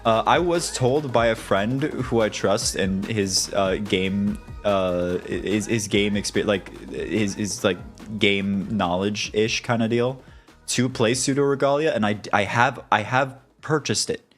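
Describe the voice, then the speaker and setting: A man's voice: on the low side, takes it slowly, soft background music. A young American man chatting casually on a stream, rambling and swearing, with many stammered restarts as he rants. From United States.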